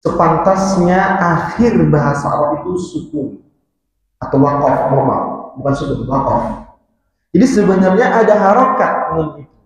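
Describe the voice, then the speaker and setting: A man with a somewhat high voice teaches a mosque study class and patiently repeats his key points, now and then chanting verses slowly. His voice rings through a big, very echoey hall with a long reverb tail. The sound is dull and lo-fi. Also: very animated. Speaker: religious teacher. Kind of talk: mosque study lesson on Arabic grammar.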